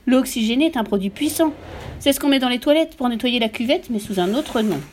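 A shrieking, sharp-tongued mother, vain and bossy, who scolds her husband without letup, put on by a woman reading an audiobook. The voice sits high and loud, well above the reader's usual tone, with biting, insulting words. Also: lively intonation, quick pace, a little hiss or hum, close to an everyday voice. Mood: scolding.

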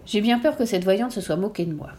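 A woman's voice: mid-range voice, expressive, brisk, mellow, close to an everyday voice. An unlucky young woman in a storybook, sighing and exclaiming over her troubles, as a woman reads her. The voice stays close to the reader's own. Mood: exasperated.

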